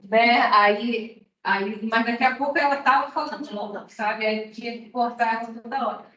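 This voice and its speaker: A woman's voice: a little high, fairly even intonation, normal speed, bright, forceful tone. A woman teaching a nutrition class, chatting with her students and often checking in with them as she goes. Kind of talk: classroom lecture with anecdotes. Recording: echoey room, distant mic, dull sound.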